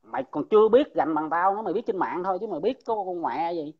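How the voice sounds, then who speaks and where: A local storyteller from An Giang with a Southern Vietnamese Mekong Delta accent shares gossip in a blunt, rambling, casual chat, chuckling as he goes. His voice sits high and is expressive and fast, and the audio sounds dull.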